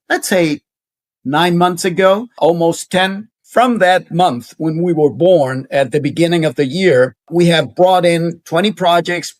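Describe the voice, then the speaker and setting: A man, a guest in an interview, telling stories earnestly with many hesitations and fillers. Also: on the high side. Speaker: guest, university center director. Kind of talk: conversational interview storytelling.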